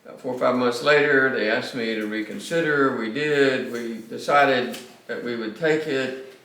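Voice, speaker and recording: A man's voice: medium pitch, normal speed, a bit bright, recorded from a distance. An older man, a pastor giving a classroom lecture with anecdotes, emphatic and often restarting his words. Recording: echoey classroom.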